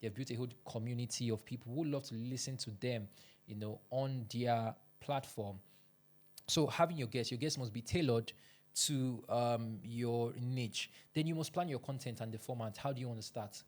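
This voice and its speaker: A man's voice: mid-range voice, moderate pace, darkish tone. A man giving earnest, instructive advice to camera from a podcast studio, speaking into a studio microphone, now and then pushing out an emphatic line. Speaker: podcast coach.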